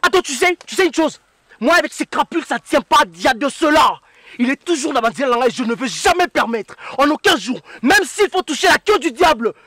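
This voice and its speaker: A man's voice: high voice, expressive, normal speed, long pauses, breathy edge, no echo, clean studio sound, heavily acted. Man playing a jealous, commanding Congolese boyfriend. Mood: shouting. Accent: Congolese French. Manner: commanding, then pleading and shouting. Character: jealous young man confronting his pregnant girlfriend.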